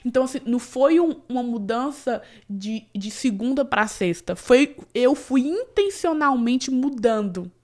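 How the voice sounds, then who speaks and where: A woman tells her own story as an interview guest. Her fairly high voice runs earnest and personal, full of fillers and restarts. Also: expressive, measured pace, few pauses, darkish tone. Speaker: interview guest, cleaning business owner. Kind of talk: emotional personal story in casual conversation.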